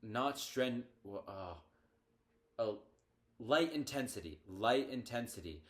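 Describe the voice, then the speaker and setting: Co-hosting a podcast, a teenage boy chats loosely in a medium-pitched, animated voice, taking it slowly. He hesitates a lot, piling up fillers and restarts, and keeps hiccuping.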